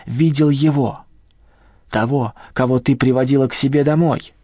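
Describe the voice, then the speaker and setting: A man doing a shrill, hysterical obsessed kidnapper. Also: steady tone, unhurried, dry recording, clean studio sound. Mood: triumphant. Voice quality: high, sharp, shrieking voice. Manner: pathetic, self-righteous outbursts.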